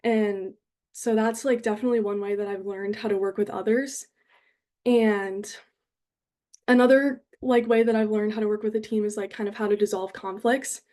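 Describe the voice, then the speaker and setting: A young American woman of about twenty talks casually, as if introducing herself to new people. Her voice sits at a medium pitch. Her manner is earnest and upbeat, with an informal student way of phrasing things. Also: steady tone, moderate pace, mellow. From Denver, Colorado, United States. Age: around 20. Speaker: university student. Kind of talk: casual self-introduction to camera.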